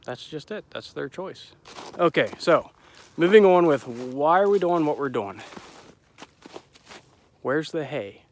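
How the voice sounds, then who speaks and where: A man's voice: a little high, expressive, measured pace, pauses often, a little hiss or hum. A young man outdoors in a winter pasture, a farmer vlogging casually. He is a bit out of breath and has a cold, and he rambles with self-deprecating disclaimers. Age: young adult. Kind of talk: casual outdoor farm vlog.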